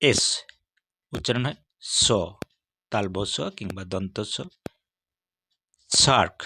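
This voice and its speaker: A man giving a steady, measured lesson as an English teacher, walking through letters one by one. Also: low-pitched, a little hiss or hum. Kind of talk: scripted lesson on English consonant sounds.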